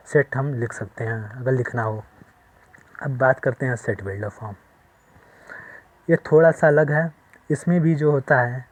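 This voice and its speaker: A man giving a maths lesson at a board, explaining step by step slowly and often checking that the class follows. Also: mid-range voice. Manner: slow, repetitive explaining with frequent check-ins. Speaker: maths teacher.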